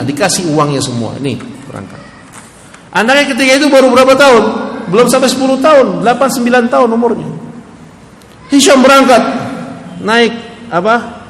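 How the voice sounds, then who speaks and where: A man's voice: extremely high pitch, sing-song, a little fast. Man, preacher, emphatic lecture, echoey hall, long reverb. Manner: emphatic, rhetorical questions to the audience. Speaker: Islamic preacher. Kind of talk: religious study lecture.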